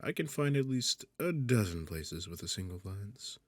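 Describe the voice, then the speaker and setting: A man performs a seductive fantasy ASMR roleplay as a sneering demon king, his lowish voice sing-song at a normal pace in a dry recording. He teases with arrogance and condescension, mocking one moment and coaxing the next.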